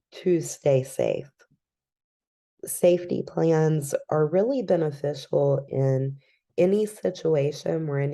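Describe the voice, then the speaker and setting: A woman giving a recorded educational presentation in a calm, measured way, with frequent "um" fillers. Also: deep voice, creaky.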